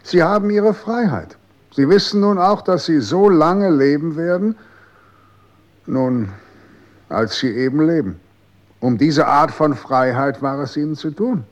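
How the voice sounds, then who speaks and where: An actor playing a cold, condescending official. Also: male voice, on the high side, measured pace, lo-fi sound, close to an everyday voice. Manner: cool, condescending, authoritative. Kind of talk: 1960s radio drama.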